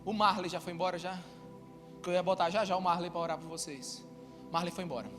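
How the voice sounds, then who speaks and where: A male pastor preaching a sermon, telling stories in an animated way that swings between loud and hushed. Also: sits high, fast. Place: church hall. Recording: long hall reverb with music behind.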